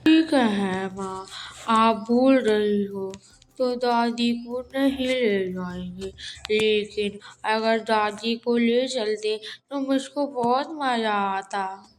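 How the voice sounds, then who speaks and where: A small cartoon village boy whines and pleads, his voice high and pushy, as a woman acts him out. He begs in a loud, eager rush. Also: faint music behind. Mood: pleading. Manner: pleading, raised and quick.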